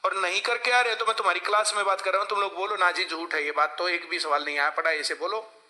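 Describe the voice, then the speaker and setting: A man's voice: sits high, steady tone, quick pace, pushed and bright. A male coaching teacher, lecturing a class and often asking the students to answer him. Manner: lecturing, asks class for replies.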